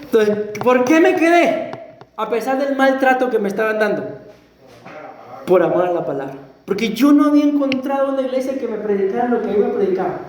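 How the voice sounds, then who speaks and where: A Costa Rican man preaching as a pastor, telling his own testimony in a conversational way, often clearing his throat and asking the congregation questions. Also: extremely high pitch, expressive, brisk, a little mellow, slight background noise. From Costa Rica. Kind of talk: sermon with personal testimony. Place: church sanctuary. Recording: echoey church room.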